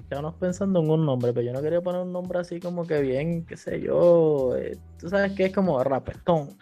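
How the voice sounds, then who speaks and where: A man with a Puerto Rican accent talks through a casual interview. His voice sits a bit high but sounds mellow and dark. He slips English words into slangy speech, and faint music plays underneath. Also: fairly quick, lo-fi sound. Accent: Puerto Rican Spanish. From Puerto Rico. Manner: slangy, mixes English words in, acts out quotes. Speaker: podcast guest, platform founder.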